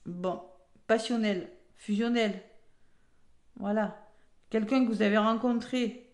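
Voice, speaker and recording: A woman's voice: mid-range voice, steady tone, slow pace, reverberant. A woman with a French accent giving a chatty weekly tarot reading, full of fillers and tag words. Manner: chatty, filler-heavy, frequent "hein". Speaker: tarot reader.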